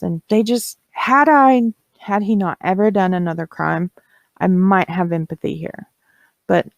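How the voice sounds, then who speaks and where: A woman's voice: on the low side, gravelly, darkish tone, dry recording. A woman hosting a true crime podcast, narrating casually with blunt, opinionated asides.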